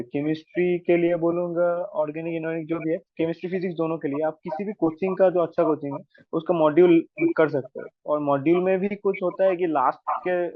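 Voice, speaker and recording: A man's voice: fairly high pitch, no room sound. A young man, a medical student, answering interview questions hesitantly, with many fillers and restarts. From India. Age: young adult. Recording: dry, phone-like audio.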